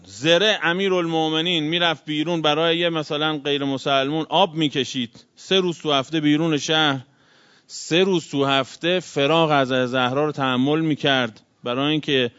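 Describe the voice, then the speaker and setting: Man, cleric preaching a sermon, fairly high voice, loud bursts and hushed asides, dull lo-fi recording. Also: steady tone, clear, resonant tone. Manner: swings between loud exclamations and hushed asides. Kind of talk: sermon with religious storytelling.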